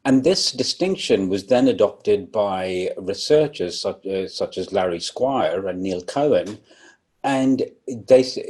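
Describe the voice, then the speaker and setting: A man with a somewhat low, husky voice gives a public lecture. He explains step by step, with frequent ums and restarts. He sounds a little rough from coughing and talks around a throat lozenge. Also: darkish tone.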